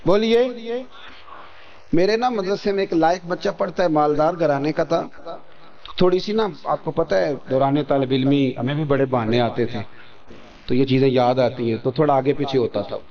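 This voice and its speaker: Man preaching with Pakistani Urdu accent. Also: highs cut off. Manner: asks the crowd for attention and responses; acts out story voices in shifting pitch. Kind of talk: Friday sermon storytelling.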